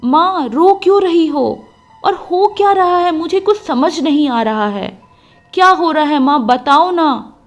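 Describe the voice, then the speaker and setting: Raksha, a woman playing a lively young village daughter. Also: high voice, faint music behind, pitched above the performer's own voice. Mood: frightened. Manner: bright, pleading, quick to alarm. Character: young village daughter back from city studies, lively, insistent.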